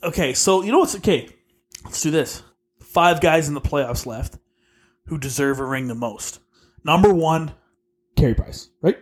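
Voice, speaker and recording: A young man with a slightly raised pitch, chatting loosely on a sports podcast. He swears freely and laughs easily, and he sounds keyed up about the game. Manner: excitable, swearing, quick to laugh. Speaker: podcast co-host. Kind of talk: casual sports podcast chat.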